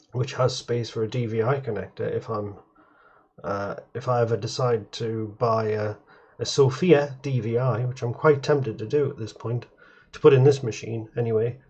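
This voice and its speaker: Here a man with a mid-range, slightly mellow voice presents computer gear from a home workbench, wandering off topic, pausing and fixing his words partway through sentences. He's a retro computing enthusiast doing an informal show-and-tell. There's a bit of hiss or hum, and the recording is somewhat muffled and dull.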